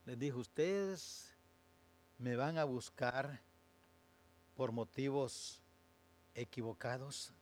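A male pastor preaching a sermon, moving from measured explanation to slow, emphatic, fervent declarations. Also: mid-range voice, darkish tone, a little hiss or hum.

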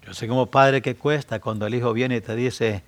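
A middle-aged man from Central America with a Central American Spanish accent, preaching a sermon, his voice dropping to soft asides and then rising to loud, high exhortation. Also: fairly even intonation, moderate pace. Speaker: pastor.

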